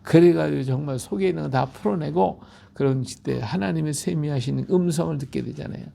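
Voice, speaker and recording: Male pastor, middle-aged, rough gravelly voice, slightly high, emphatic repetitive sermon delivery. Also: brisk, dark tone, slight background noise. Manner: emphatic, repetitive, asks listeners for agreement. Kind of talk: Bible-reading sermon.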